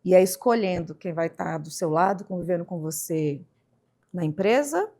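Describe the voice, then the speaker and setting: A woman's voice: lowish voice, lively intonation, moderate pace, dark tone. Reflective Brazilian woman podcast host. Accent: Brazilian Portuguese. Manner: reflective, with frequent "né" tags and sudden emphatic rises. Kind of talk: casual interview talk.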